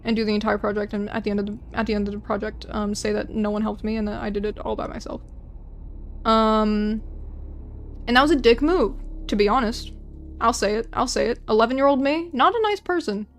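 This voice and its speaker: A young woman chatting casually on a drawing livestream, rambling and self-deprecating, often restarting her sentences. Her voice sits fairly high. Faint music plays in the background. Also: a little fast. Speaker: art streamer.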